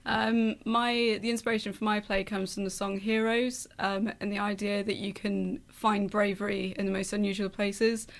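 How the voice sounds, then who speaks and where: Woman guest on radio, pretty flat tone with loads of vocal fry, explaining stuff. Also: medium pitch, normal speed, hardly any pauses. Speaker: playwright, interview guest.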